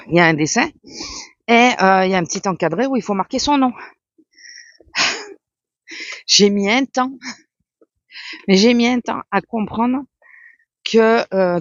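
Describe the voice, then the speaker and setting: A woman's voice: mid-range voice, normal speed, pauses often, no room sound. Woman vlogger, casual rambling chat, muffled dry home recording. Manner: rambling, chatty, many fillers. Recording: dull lo-fi sound.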